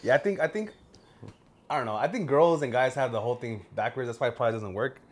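Fast-talking, slangy young man. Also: medium pitch. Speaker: podcast co-host. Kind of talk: casual comedic chat.

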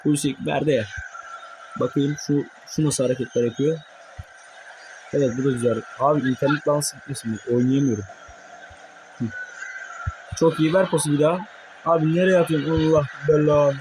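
A young man commentating his own mobile football match for viewers, excitable and quick to curse at his players in frustration. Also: on the high side, noisy background. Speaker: gaming YouTuber.

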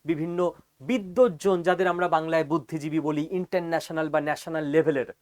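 A man's voice: on the high side, brisk. Emphatic male lecturer. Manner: emphatic and lively, often checks in with the audience. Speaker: teacher. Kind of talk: geopolitics explainer lecture.

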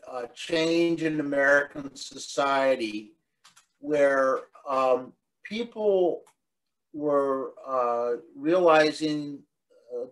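A middle-aged man gives an online illustrated talk from a room at home, his voice sitting a little high for a man. He speaks slowly and easily, with frequent ums and restarts as he explains. The sound is plain video-call audio. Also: poor audio. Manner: relaxed explanatory, many fillers and restarts. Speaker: guest lecturer.

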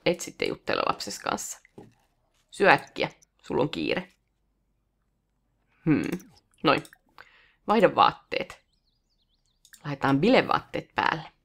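A woman hosting a let's play, chatting casually as she plays and talking to the game characters, with sudden excited high outbursts.

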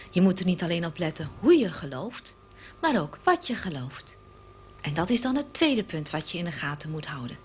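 A woman's voice: lowish voice, a little hiss or hum. Earnest woman telling a children's story. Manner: earnest, explaining plainly to children.

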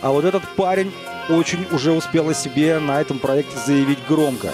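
Man, live MMA commentary, slightly high voice, conversational, loud music behind. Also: a little fast. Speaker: fight commentator.

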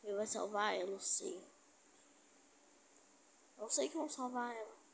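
A woman's voice: mid-range voice, moderate pace, creaky, a little hiss or hum. A woman giving chatty gameplay commentary, talking to her viewers and teasing opponents. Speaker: gaming streamer.

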